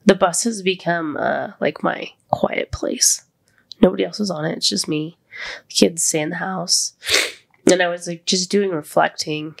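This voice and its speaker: A woman hosting a podcast chats casually and from the heart. Congested, her voice sits deeper than usual and turns creaky, at a moderate pace, as she speaks openly and vulnerably, close to tears.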